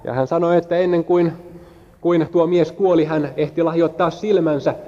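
A man's voice: fairly high pitch, fairly even intonation, dark tone. A man interpreting a sermon line by line, following the preacher's rise and fall, with small slips and restarts. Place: church hall. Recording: muffled sound in a reverberant hall.

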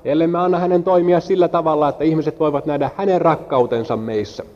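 Male church interpreter, mellow dark voice, echoey hall. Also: on the high side. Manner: follows the preacher's rise and fall, with small slips and restarts. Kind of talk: sermon interpretation. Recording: muffled sound in a reverberant hall.

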